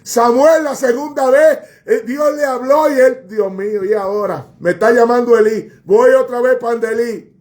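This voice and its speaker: A man's voice: extremely high pitch, moderate pace, a little mellow. A man preaching a fervent sermon, repeating phrases and crying out to God between lines.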